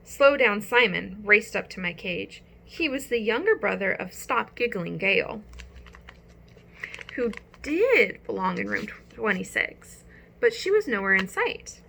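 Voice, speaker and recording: Lady reading a kids book out loud, bouncy voice, bit of vocal fry. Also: medium pitch, a little slow, a little hiss or hum. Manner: expressive storytelling. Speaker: audiobook narrator. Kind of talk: children's audiobook narration.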